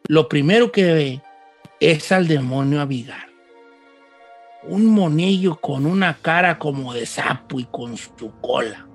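A man narrating a spooky folk tale in a loose, conversational way, dropping asides to the listener. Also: high voice. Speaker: storyteller.

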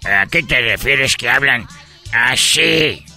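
A man tells comic stories slowly and with a lot of expression, his pitch swinging up and down. His voice is very bright and forward. Music plays softly behind him. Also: animated, vocal fry. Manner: joking, storytelling, mock broken phrasing. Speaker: comedian playing a Chinese immigrant character in Mexico. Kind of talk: comedic character bit with jokes.

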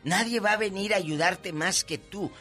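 A man's voice: sits high, normal speed, bright, forceful tone, soft background music. A male radio co-host speaking in a playful, dramatic way, full of exclamations. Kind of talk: radio talk show banter.

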